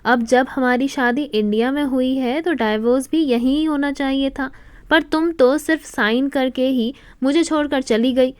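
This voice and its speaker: A woman voicing a bitter estranged husband who calmly explains what went wrong. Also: high-pitched, unhurried, clean tone, dry recording.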